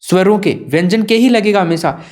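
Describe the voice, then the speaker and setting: Mellow-voiced Hindi teacher. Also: male voice, high-pitched, brisk. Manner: asks students questions and answers them himself. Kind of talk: classroom lesson.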